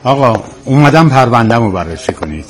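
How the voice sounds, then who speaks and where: A man's voice: medium pitch, big pitch swings, background noise, lightly acted. An actor playing a frustrated male client who complains insistently about a delayed payout, in a TV drama.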